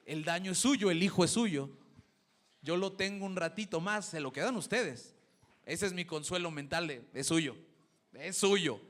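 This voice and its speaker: A man's voice: high-pitched, a bit bright. A man preaching a sermon, telling a classroom story and acting out the parents he quotes. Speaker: preacher and schoolteacher.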